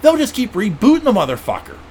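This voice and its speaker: A man hosting a casual podcast chat, talking in an excitable, profane way with plenty of fillers. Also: high voice, fast talker, slight background noise. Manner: excitable, profane fan talk with many fillers. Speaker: podcast host.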